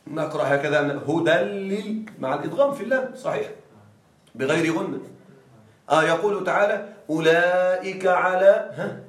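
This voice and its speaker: A male teacher giving a classroom grammar lesson. He quizzes students with questions they finish, and reads example phrases slowly with stress. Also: fairly high pitch, lively intonation. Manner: quizzes students with fill-in-the-blank prompts. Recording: echoey room, distant mic.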